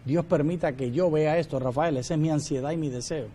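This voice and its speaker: A man's voice: a little high, fairly quick, mellow, slight background noise. A man co-presenting a Bible study, speaking fervently and devotionally and reading scripture aloud.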